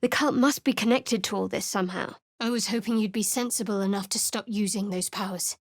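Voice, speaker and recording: A woman delivers studio voice acting as a guarded young cleric, dryly sarcastic and cutting in a sardonic mood. Her natural mid-range voice goes a little fast, and the close-mic recording is dry.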